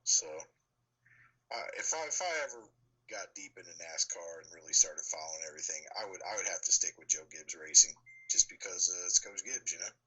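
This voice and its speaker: Husky, very bright-edged man talking sports. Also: deep voice, animated, fairly quick, low-quality recording. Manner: rambling, opinionated. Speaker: sports talk show co-host. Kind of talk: casual sports chat.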